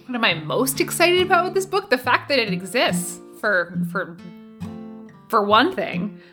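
Recording in her home basement over guitar music, this woman, who co-presents a podcast, MCs live shows and writes books, speaks in a slightly high, sing-song voice at a measured pace. Her chat is casual and promotional, with a playful, wry edge.

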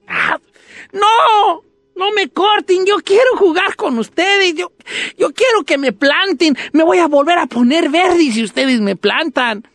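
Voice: expressive, a little slow, creaky, a bit bright, no room sound, studio quality, full character voice. A weeping Christmas tree. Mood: sobbing. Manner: sobbing, high, begging voice. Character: young Christmas tree, sad and pleading.

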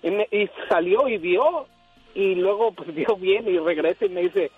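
A man's voice: high-pitched, unhurried, breathy edge, soft background music. A man telling a story casually on a radio show, acting out the dialogue in it. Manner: animated, acts out dialogue in the story. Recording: dull, muffled radio audio.

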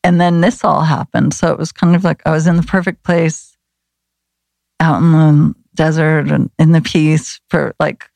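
Woman, guest, fry in the voice, rambling, casual chat, dry mic. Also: sits low, fairly even intonation, moderate pace, darkish tone, no room sound. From Los Angeles. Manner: rambling, many fillers and restarts. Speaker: guest, flower remedy practitioner. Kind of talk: casual conversation.

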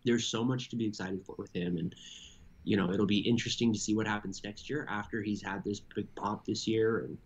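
A man's voice: fairly low pitch, steady tone, fairly quick, lo-fi sound. A man co-hosting a sports podcast, talking in a rambling, casual way and laughing now and then. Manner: rambling, restarts, laughs mid-sentence. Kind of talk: casual chat.

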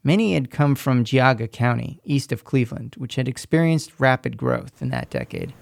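A man narrating a scripted radio feature report in a measured, descriptive way. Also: mid-range voice, very animated, vocal fry, dry recording, clean studio sound.

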